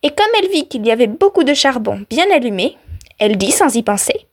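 Casting: high-voiced woman narrating a folk tale for radio, measured. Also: sing-song, background noise. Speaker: storyteller. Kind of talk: reading a folk tale aloud.

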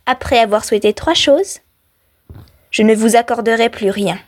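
A woman voicing a beautiful fairy who grants three wishes, measured and warning. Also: fairly high pitch, close to an everyday voice. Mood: solemn.

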